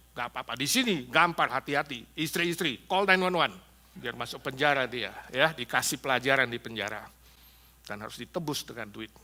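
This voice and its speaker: A man preaching a sermon to a congregation, animated and humorous, acting out little quotes as he goes. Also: medium pitch. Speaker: pastor. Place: church in Los Angeles.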